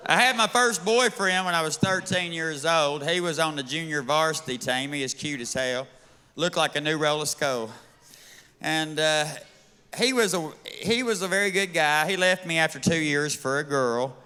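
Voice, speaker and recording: Man, Southern US accent, brash stand-up, drawling, slightly high voice, reverberant bar. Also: normal speed, pushed and bright, smooth. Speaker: stand-up comedian. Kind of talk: live stand-up set. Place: bar stage at a live event.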